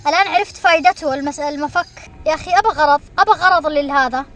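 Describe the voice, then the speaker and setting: A woman streamer giving excited commentary while she plays a game, shrieking when she is chased. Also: high-pitched, racing, soft background music. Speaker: gaming streamer.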